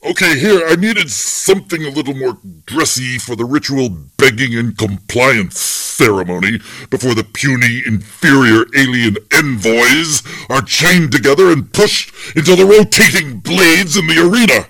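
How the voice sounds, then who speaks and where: A man voicing a boastful male alien warlord who shows off his photos in a deadpan, casually brutal way. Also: mid-range voice, moderate pace, hardly any pauses, no echo, rough recording.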